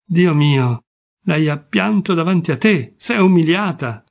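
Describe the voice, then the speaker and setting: A guilt-stricken nobleman in anguish, as a male reader puts him on, his voice climbing high and swinging wildly as he cries out. He sounds shaken and ashamed. It is a storybook reading. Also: expressive, a little slow, creaky. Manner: anguished, exclaiming, voice rising high.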